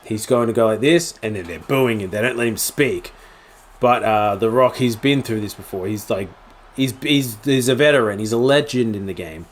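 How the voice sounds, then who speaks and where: Excitable man recapping wrestling. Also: normal speed, slight background noise. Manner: excitable, acts out quotes with sudden high-pitched outbursts. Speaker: wrestling commentary YouTuber. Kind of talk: casual recap vlog.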